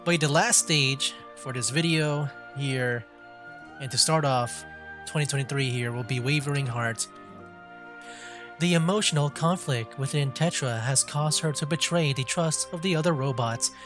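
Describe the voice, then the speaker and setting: A man's voice: mid-range voice, moderate pace, over music. A man commenting casually on a story game as he plays, with frequent fillers and laughs. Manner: chatty, full of fillers and laughs. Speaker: gaming streamer. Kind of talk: casual let's-play commentary.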